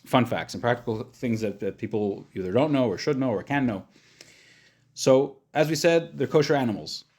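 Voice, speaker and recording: A man giving an informal lesson as a rabbi, explaining in plain, casual words and often pausing to search for the next one. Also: mid-range voice, a little mellow. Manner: hesitant, searching for words, thinking aloud; casual, plain-spoken, simplifying. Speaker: rabbi teaching a class.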